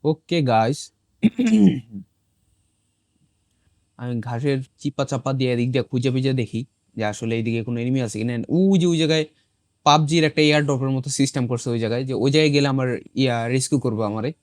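A man, hoarse from a cold, chatting casually to viewers while he plays and throws in English exclamations. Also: medium pitch, fairly quick, darkish tone, no room sound, studio quality. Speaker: gaming channel host. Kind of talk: casual gameplay commentary.

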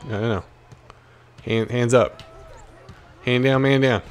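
Over the noise of a basketball video game, an American host speaks slowly in a clean, mid-range voice with fairly even intonation, mixing playful trash talk, exclamations and quiet muttering.

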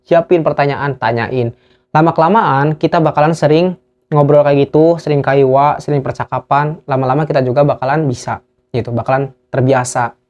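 A man's voice: on the high side, fairly even intonation, moderate pace, a little mellow. A young man from Indonesia giving casual advice for work trainees, repeating each phrase again and again. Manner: repetitive, drills phrases again and again. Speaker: YouTuber giving tips for work trainees in Japan. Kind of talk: casual instructional vlog. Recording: dull lo-fi recording.

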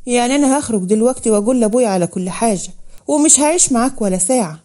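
A woman voicing a shy, hurt young bride from a village, quiet but defiant. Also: fairly high pitch, rapid-fire, lightly acted.

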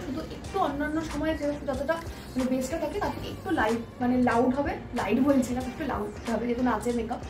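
A young woman chats in a quick, high voice while she does her makeup for the camera. She sounds a little worn out, and music plays underneath her talk. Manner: chatty, talks while doing her makeup. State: tired. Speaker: vlogger. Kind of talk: casual vlog chat.

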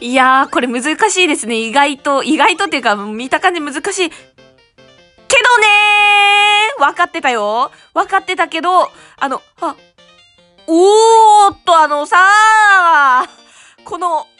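A young woman giving casual gameplay commentary as a streamer, excitable and quick to break into shouts and laughter. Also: high voice, faint music behind. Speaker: game streamer.

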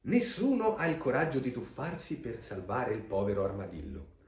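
A man reading a picture book aloud to a child with gentle, expressive storytelling, pausing to answer the child. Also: medium pitch. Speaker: storybook reader. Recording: echoey room.

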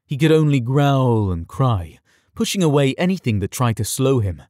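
A man narrating a fantasy story in an expressive, dramatic reading. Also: medium pitch, normal speed, dry recording, studio quality. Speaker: audiobook narrator.

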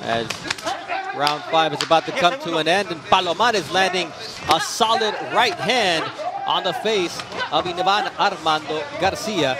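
Higher-pitched male boxing play-by-play voice. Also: unhurried, a loud crowd. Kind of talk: live sports commentary.

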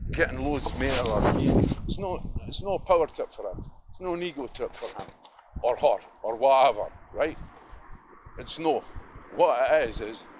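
Over traffic and street ambience, a Dundee man with a Dundee Scottish accent and medium-pitched voice vlogs a rambling, casual monologue while walking city streets outdoors. He reminisces, voices strong opinions with emphasis, and is prone to chuckling; the audio is noisy with passing vehicles.

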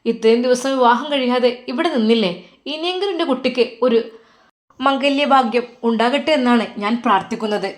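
A woman voicing a caring middle-aged mother, who soothes and coaxes her grown daughter softly. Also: fairly high pitch, brisk, close to an everyday voice. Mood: comforting. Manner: soothing, coaxing.

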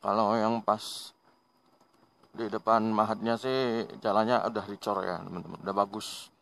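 A chatty Indonesian man narrates his motorbike ride on rural roads as a motovlog host, speaking in a fairly low voice at normal speed with vocal fry. He stays relaxed, laughs often, and talks to viewers like friends.

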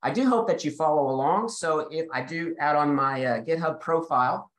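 A man's voice: a little high, normal speed, a bit bright, reverberant, low-quality recording. A male developer presenting on a video call, eager and explanatory, occasionally correcting himself. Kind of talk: technical webinar presentation.

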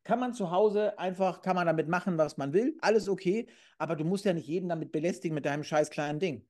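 A man's voice: sits high, fast, a little mellow. A middle-aged man co-hosting a casual comedic chat over a video call from home, blunt and crude as he tells stories. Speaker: co-host. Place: room at home, indoors. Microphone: video call webcam.

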